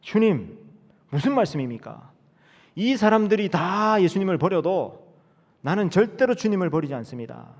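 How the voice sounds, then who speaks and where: A pastor acting out an impetuous male disciple who protests loudly and indignantly. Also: high-pitched, big pitch swings, normal speed, long reverb tail, pitched above the performer's own voice, heavily acted.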